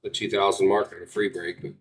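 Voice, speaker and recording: A man's voice: low voice, little pitch movement, brisk, slightly rough. A man hosting a live card break, giving casual auction sales patter to viewers.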